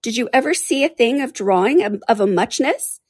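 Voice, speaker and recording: A sleepy little storybook dormouse, acted out by a woman reader. The voice is lifted high and sounds hoarse and feeble, with a sulky, easily offended manner. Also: animated, brisk, darkish tone, no room sound, studio quality. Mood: drowsy.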